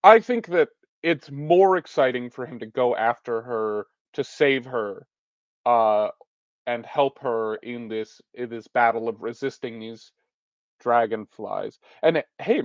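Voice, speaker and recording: A man's voice: mid-range voice, no room sound. A man narrating a solo tabletop game as its game master, thinking aloud and poking fun at himself. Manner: musing aloud, self-deprecating. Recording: dull, dry recording.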